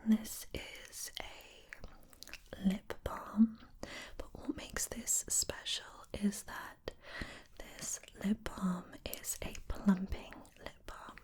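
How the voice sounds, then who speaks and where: Slow whispering woman, layered role-play. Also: mid-range voice, fairly even intonation. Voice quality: soft, breathy unvoiced whisper. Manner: gentle, attentive, reassuring personal attention. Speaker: ASMR host playing a make-up artist.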